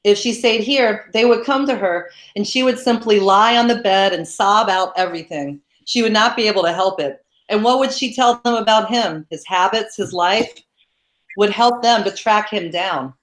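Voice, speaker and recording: This is a woman's measured, even read-aloud of a novel, delivered steadily at a medium pitch. The space gives the recording a roomy echo.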